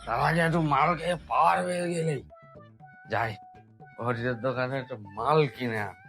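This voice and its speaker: A man's voice: medium pitch, normal speed, close to an everyday voice. Man playing town drunk, brash, rambling, cursing, comedic, background music. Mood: belligerent. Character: brash, scheming village town drunk begging booze money. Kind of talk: broad comedy skit acting.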